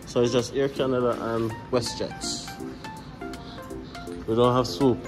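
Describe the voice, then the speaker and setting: Unhurried and mid-range in pitch, a family vlogger and father with a Jamaican accent narrates to camera in a relaxed, chatty style while walking through a small indoor airport terminal. Background music accompanies this casual walkthrough.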